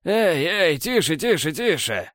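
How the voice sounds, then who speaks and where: A man voicing a wary male stalker leader who speaks in a calm, measured way. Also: a little high, no room sound, clean studio sound, pitched above the performer's own voice. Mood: placating.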